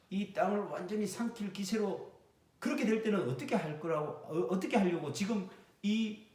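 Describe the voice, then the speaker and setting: Pastor man preaching, voice jumps all over, echoey church picked up from far off. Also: fairly high pitch. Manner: animated, acts out quoted speech in the sermon. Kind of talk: sermon. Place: church sanctuary. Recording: roomy church echo, distant mic.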